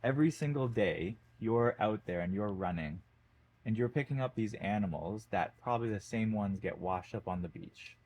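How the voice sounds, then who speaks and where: A man voicing an angry, self-righteous old man who yells and scolds, while telling a story in a podcast interview. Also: fairly low pitch, expressive, moderate pace, slight background noise, natural voice. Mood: scolding. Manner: yelling, scolding.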